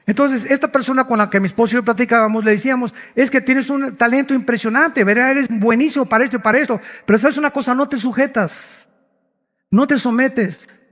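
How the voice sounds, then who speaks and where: Preacher guy, high voice, big dramatic sermon, echoey church hall. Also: brisk, fairly bright tone. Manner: dramatic preaching with rhetorical questions and jumps in pitch. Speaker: pastor.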